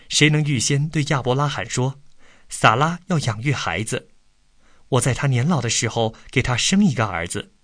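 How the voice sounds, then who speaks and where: A man calmly reading a Bible story aloud from a script, then posing study questions to listeners. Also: medium pitch, dry recording, studio quality.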